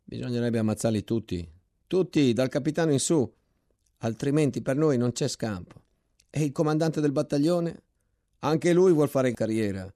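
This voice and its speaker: A man's voice: medium pitch, warm tone, no room sound, clean studio sound, close to an everyday voice. A man voicing a bitter, war-weary soldier in a trench, muttering grimly and resentfully during a dramatic novel reading.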